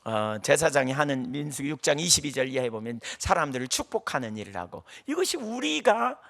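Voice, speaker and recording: A man's voice: mid-range voice, big pitch swings, a little fast, gravelly, a bit bright. A middle-aged male pastor preaching a sermon, telling stories animatedly and acting out the voices of the people he counsels.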